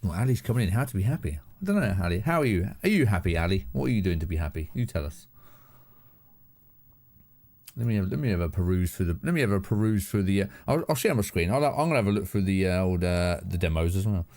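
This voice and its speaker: A man's voice: low voice, lively intonation, fast talker, few pauses, a little mellow. A middle-aged man with a southern English accent, hosting a casual live stream from his home studio, rambling and laughing with many restarts. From southern England.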